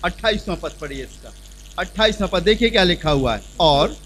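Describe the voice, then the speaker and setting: A man pastor teaching the Bible loudly in a church hall, calling out questions for the congregation to answer. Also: sits high, expressive, fairly quick, breathy edge. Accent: Hindi. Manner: loud call-and-response preaching. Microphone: handheld mic.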